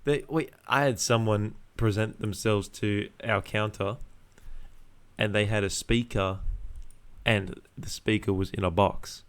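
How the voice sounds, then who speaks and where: A young man with a fairly low voice rants casually as a podcast host. He leans on laddish slang and swearing, sounds exasperated, and repeats his points to drive them home. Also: fairly even intonation, measured pace. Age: young adult.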